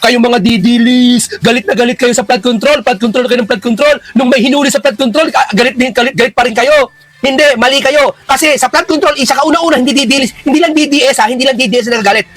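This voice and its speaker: A man giving heated political reaction commentary, firing rhetorical questions and rising into shouts. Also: extremely high pitch, fast.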